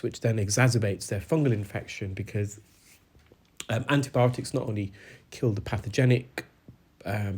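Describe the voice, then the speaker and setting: A British audiologist narrates a clinical demonstration, explaining things with many hesitant fillers. A cold leaves his fairly low, darkish voice stuffy and congested, with a breathy edge.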